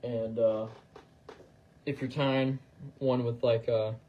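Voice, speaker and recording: Man, fly-tying demo, casual, level flat delivery, slight room noise. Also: medium pitch, slow pace, muffled recording. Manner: relaxed, talks while working, fillers and trailing phrases. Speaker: fly tier demonstrating on a livestream. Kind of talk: casual instructional chat.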